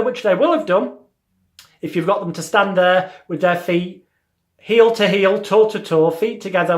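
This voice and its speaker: A man giving an instructional lecture as a hypnotherapy trainer, with emphatic, repetitive phrasing. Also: high voice. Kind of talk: instructional lecture with demonstrated patter. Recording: roomy, echoing sound.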